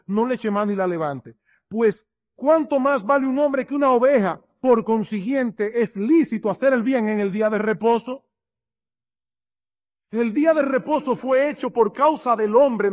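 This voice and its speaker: A male pastor delivering a sermon in a high-pitched voice. He reads verses and stresses his points with changing emphasis, now and then acting out little scenes. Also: darkish tone. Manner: preaching with shifting emphasis and acted examples.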